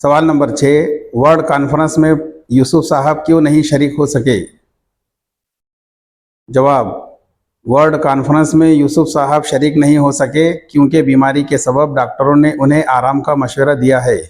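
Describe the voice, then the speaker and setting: A male teacher reading out textbook questions and their answers in a slow, measured dictation manner. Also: on the high side, little pitch movement, a little mellow.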